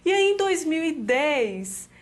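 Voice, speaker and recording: A Brazilian woman in her thirties, a guest telling a personal story in an animated way, often laughing. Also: high-pitched, takes it slowly. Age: 30s.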